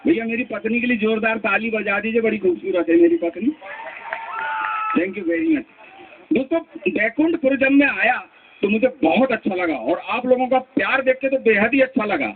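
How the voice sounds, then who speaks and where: A man's voice: sits high, a little hiss or hum. A man doing live stand-up comedy, telling jokes and switching into voices for his characters. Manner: joke-telling with quick voice switches between characters. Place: outdoor stage at a town festival. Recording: lo-fi phone-like stage recording.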